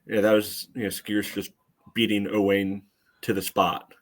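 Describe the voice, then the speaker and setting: In a laid-back sports podcast, an American man with a deep voice analyzes soccer at a moderate pace. His pitch barely moves and his tone stays level, and he fills his thinking-aloud with "you know."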